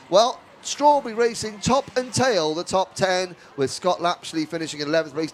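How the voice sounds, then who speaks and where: A man's voice: sits high, fairly bright tone, a little hiss or hum. A man commentating on a kart race, reading out results and championship standings with wry asides.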